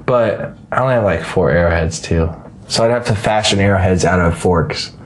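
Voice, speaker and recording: Low-voiced rambling male podcast host. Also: normal speed, slight background noise. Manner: rambling, profane, jokey. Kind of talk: casual podcast chat.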